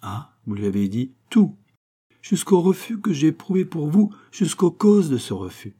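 A man reading an audiobook, voicing an earnest young nobleman who speaks eagerly and a little higher than his narration. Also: sing-song, normal speed, dark tone. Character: young duke, earnest nobleman near thirty.

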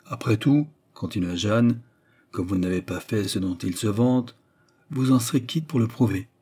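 A man's voice: lowish voice, normal speed, warm tone, husky. A man reading aloud and voicing a scheming, persuasive noblewoman who frightens her young companion with feigned sweetness. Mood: menacing, persuasive. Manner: insistent, menacing, feigned sweetness. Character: scheming, persuasive noblewoman adventuress, middle-aged.

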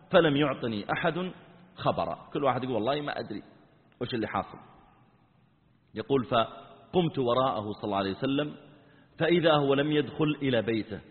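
A man preaching a sermon as a dramatic story, dropping to hushed low tones to act out the quotes. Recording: tinny, band-limited recording in a reverberant hall.

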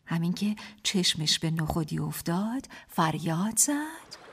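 A woman narrating a fairy tale in a radio play, in a lively storybook manner. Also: on the low side, breathy edge.

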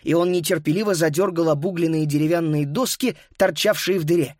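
A man narrating a children's story as an audiobook, lively and voicing each child. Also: fairly high pitch, a little fast, dry recording, studio quality.

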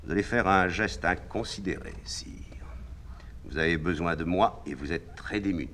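A man voicing a calm, sly police minister who answers dryly and with irony, read from a stage play. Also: low voice, normal speed, slight background noise. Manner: calm, dry, ironic.

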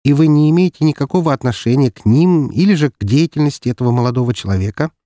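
A man's voice: mid-range voice, animated, quick pace, dark tone, no echo, clean studio sound, pitched above the performer's own voice, close to an everyday voice. A man voicing an emotional young woman lawyer in an audiobook, speaking in a raised, agitated voice. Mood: questioning. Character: sharp young female defense lawyer, emotional.

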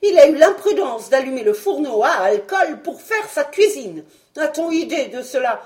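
A woman's voice: a little high, sing-song, measured pace. A woman reading an audiobook, voicing a stern, irritable old male scientist who scolds emphatically. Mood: angry.

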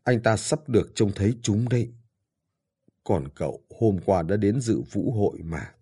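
A man's voice: fairly low pitch, expressive, moderate pace, dark tone, breathy edge. Père Goriot: a man voicing a frail dying old father. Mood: pained, yearning. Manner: weak, pained, pleading. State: in pain. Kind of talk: audiobook character reading.

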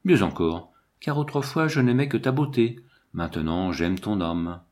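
A man's voice: lowish voice, lively intonation, measured pace, darkish tone. A man reading the part of a troubled, remorseful young painter in an audiobook, speaking earnestly.

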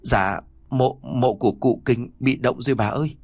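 A man's voice: medium pitch, normal speed, darkish tone, no room sound, natural voice. A man doing a trembling poor young man. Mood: pleading. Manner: trembling, pleading.

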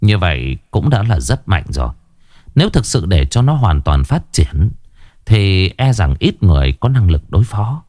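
Low-voiced male horror storyteller. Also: normal speed, no room sound, studio quality. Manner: dramatic, lively storytelling.

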